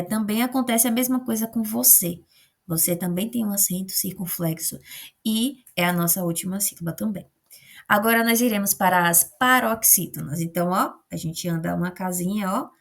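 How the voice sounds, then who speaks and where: A woman's voice: mid-range voice, gravelly. A woman with a Brazilian Portuguese accent, teaching a remote lesson as a teacher, explaining patiently step by step and often checking in with short tag questions.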